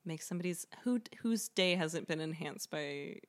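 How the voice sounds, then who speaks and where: A woman's voice: deep voice, animated, moderate pace. A woman guest chatting casually on a podcast interview about her comedy writing and improv, talking loosely with many fillers and laughing easily.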